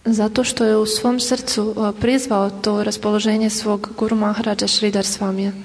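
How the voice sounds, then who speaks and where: A woman, a native Croatian speaker, interpreting a religious talk line by line, pausing now and then to find her words. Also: mid-range voice, flat delivery. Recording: echoey reverberant hall, noisy.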